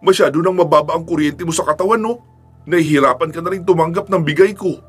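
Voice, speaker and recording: A man voicing a cocky young male fighter who talks loudly and teases his companion. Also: on the high side, husky, faint music behind, pitched above the performer's own voice. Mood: teasing. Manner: loud, quick and teasing.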